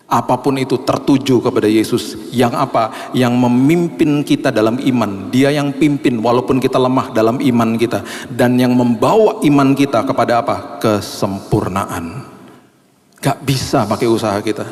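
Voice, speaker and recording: Pastor guy preaching, mid-pitched voice, emotional stories, long church hall echo. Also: darkish tone. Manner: emotional personal storytelling, voice climbing high when emphatic. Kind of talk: sermon.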